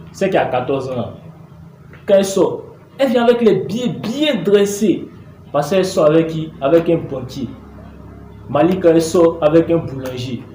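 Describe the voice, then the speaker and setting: A man's voice: on the high side, dark tone, echoey room, slight background noise. An actor in a comedy sketch playing a demanding father who scolds his grown daughter, exasperated and swearing.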